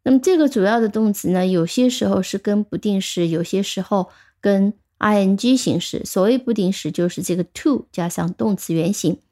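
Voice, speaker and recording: Warm-toned woman teaching English vocabulary. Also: medium pitch. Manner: patient, explains step by step, slows down for English words. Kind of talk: vocabulary lesson.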